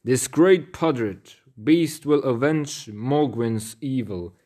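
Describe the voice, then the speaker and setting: A man's voice: mid-range voice, takes it slowly, mellow. A man playing a solemn, foreboding old prophet. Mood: ominous. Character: wise old prophet and bard. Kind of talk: storybook character voice.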